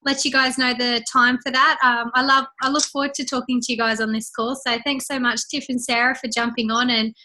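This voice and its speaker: A woman's voice: high voice, little pitch movement, a little fast, few pauses, bright, forceful tone. A woman leading a casual training call, chatty and upbeat, a bit congested and out of breath. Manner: chatty, upbeat, lots of fillers. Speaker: team leader hosting a training call.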